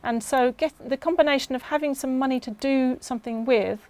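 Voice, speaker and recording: Upbeat woman, fairly high voice. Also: a little fast, darkish tone, no echo. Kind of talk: interview.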